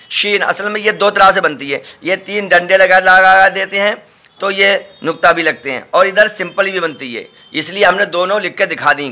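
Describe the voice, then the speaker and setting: A man with a Delhi accent gives a patient lesson on letter sounds. His voice sits a little high and rings very bright. He repeats each sound slowly and keeps asking whether the learner follows. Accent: Delhi Hindustani. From India. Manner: repeats each letter slowly, often checks with "ठीक है" and "समझे". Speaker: imam teaching Quran letters. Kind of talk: patient step-by-step recorded lesson.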